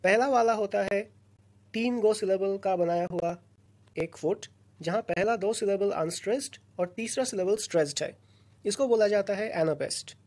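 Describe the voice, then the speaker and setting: A woman teaching a recorded lesson, explaining slowly and patiently in short phrases with pauses between them. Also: medium pitch, darkish tone. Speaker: lecturer.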